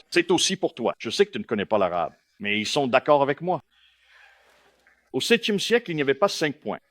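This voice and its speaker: Male lecturer, animated pitch, keeps asking the room if they follow. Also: no echo. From India. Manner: keeps checking in with listeners, questioning and emphatic. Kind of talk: lecture to a live audience.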